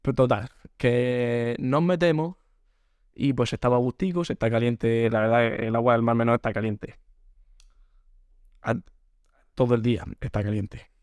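Young man, animated comic monologue, mid-pitched voice, dry close recording. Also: moderate pace, pauses often, no room sound. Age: young adult. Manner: animated, acts out quotes, frequent restarts. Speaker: podcast host. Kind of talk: comedic storytelling monologue.

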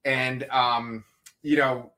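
Man, podcast host, bright tense tone, emphatic, rambling, casual chat. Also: medium pitch, flat delivery, drawn-out words.

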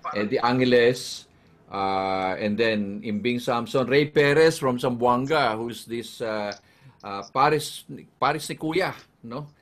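A man's voice: medium pitch, slow, a bit bright. A man hosting a live online chat, switching between Tagalog and English and reading out the names of viewers. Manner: chatty, greets viewers by name. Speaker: host. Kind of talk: live-streamed casual chat.

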